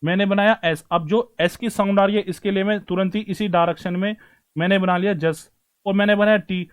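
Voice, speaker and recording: A man's voice: sits high, steady tone, fairly quick. A man teaching stenography in an online class, talking to his students as brothers and friends while he writes strokes and explains them.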